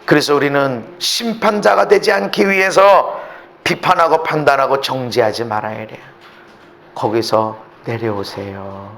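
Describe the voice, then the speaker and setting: A male pastor preaching a sermon in a church. He acts out the voices he quotes and climbs to shouting at his peaks. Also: fairly high pitch, lively intonation, normal speed, creaky. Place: church sanctuary.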